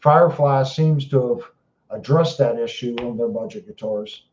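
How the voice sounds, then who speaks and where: A man's voice: mid-range voice, moderate pace, darkish tone, a little hiss or hum. A man hosting a live stream, chatting casually and tired after hours on air, often repeating words as he talks to his chat. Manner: rambling, repeats words while talking to chat. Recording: roomy, dull lo-fi sound.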